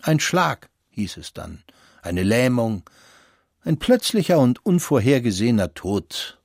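A man narrating a classic novel as an audiobook, with measured and expressive storytelling. His voice sits at an ordinary male pitch and is recorded dry and close, with no room sound. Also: vocal fry, no room sound. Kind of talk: scripted literary narration.

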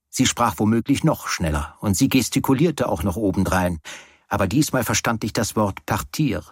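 A man reads a first-person novel aloud in a measured, quietly wry way. His voice sits low with a husky, breathy edge. The recording is dry and close, with no room sound. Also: dry recording. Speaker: narrator. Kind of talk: audiobook narration of a novel.

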